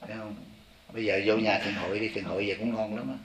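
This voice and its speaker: A man, a Buddhist monk giving an animated dharma talk to a congregation and often asking them if they see. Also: fairly low pitch, fast talker, echoey room, a crowd in the background. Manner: animated, repeats "thấy không?" to the audience.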